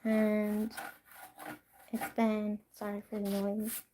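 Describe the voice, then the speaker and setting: A young woman from California chatting casually with her livestream viewers, soft-spoken and often slipping into whispers. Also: mid-range voice, monotone, slow, background noise. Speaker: livestream host.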